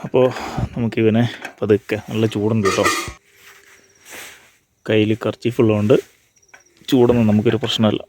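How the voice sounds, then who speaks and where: A man's voice: lowish voice, little pitch movement, normal speed, long pauses, noisy background. A man gives casual outdoor vlog commentary, mixing English words into his Malayalam as he narrates what he is doing. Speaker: travel vlogger. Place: outdoors at a hilltop viewpoint before and at dawn.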